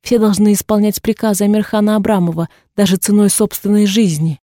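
A woman voicing a grieving, furious young daughter in an audiobook, with shrill, defiant outbursts. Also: flat delivery, fairly quick, dark tone, no echo, studio quality, lightly acted.

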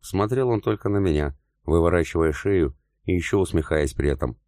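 A male audiobook narrator telling a story in the first person. His voice is extremely deep and his delivery steady and measured. The recording is dry, with no room sound. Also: no echo.

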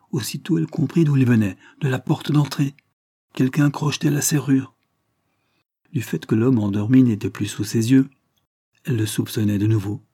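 A man narrating a suspense story as an audiobook reading, measured and suspenseful. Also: lowish voice, warm tone, breathy edge.

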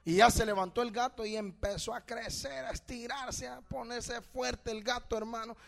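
A male preacher with a strikingly high voice delivers a fervent sermon. He swings from loud exhortation to hushed storytelling. He keeps calling the listeners brother and asking them questions. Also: fairly even intonation, moderate pace, gravelly, soft background music. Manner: addresses listeners as brother, asks rhetorical questions. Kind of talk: evangelical sermon.

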